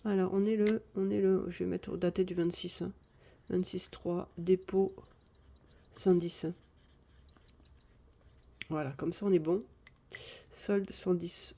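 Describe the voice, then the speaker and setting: Chatty woman thinking aloud, mellow voice. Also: on the low side, steady tone, slow, creaky, long pauses. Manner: chatty, thinks aloud while counting cash. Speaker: budgeting vlogger. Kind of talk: casual live chat.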